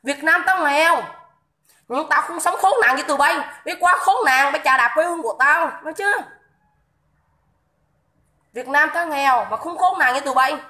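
Vietnamese woman yelling insults at her phone, high sharp voice, swears a lot. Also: normal speed, long pauses. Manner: shouting insults, coarse swearing, repetitive. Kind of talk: angry livestream rant.

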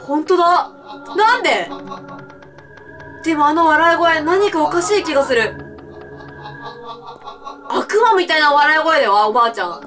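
A woman streamer playing a horror game, commenting with excitable, frightened reactions and shouts. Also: high voice, normal speed, pauses often, recorded from a distance, faint music behind. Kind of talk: let's play commentary.

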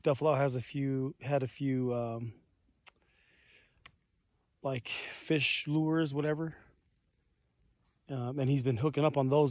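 A man's voice: medium pitch, a little mellow, no echo. Man, 40s, casual vlogger, phone held at arm's length outside, dry sound, mid-range voice, loose fillers. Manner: laid-back, rambling, peppered with fillers. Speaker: vlogger on a family fishing trip. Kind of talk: casual explanatory chat. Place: outdoors on a mountain lakeshore.

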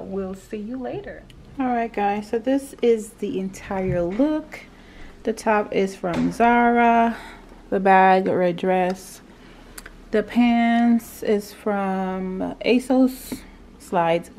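This vlogger, a woman in her thirties, has a mid-range, darkish voice and takes her time as she chats to a camera held at arm's length through her day at home and in the car. It's a casual day-in-the-life video, with a noisy background that includes the car's air conditioning.

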